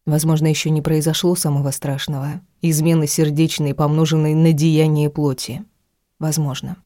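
A woman reading a first-person audiobook in a measured, intimate storytelling manner. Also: sits low, level tone, dark tone, no room sound, clean studio sound. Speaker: audiobook reader.

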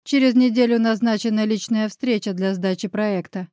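A woman's voice: medium pitch, normal speed, dark tone, dry recording, studio quality, natural voice. A woman reading an audiobook voices the hero's male friend in a plain reading tone. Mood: smug.

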